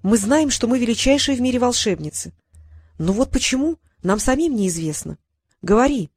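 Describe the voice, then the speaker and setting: Storybook role: a lively, higher-pitched mermaid sorceress, proud and eager, read by a woman. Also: normal speed, breathy edge. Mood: earnest. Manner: animated, eager. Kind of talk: audiobook narration.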